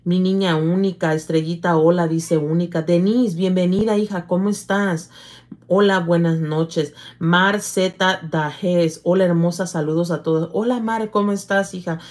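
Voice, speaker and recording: A middle-aged woman, hosting a casual livestream, reading viewer comments aloud and calling her viewers "hija" in an affectionate, halting manner. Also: lowish voice, fairly even intonation, darkish tone. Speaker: livestream host.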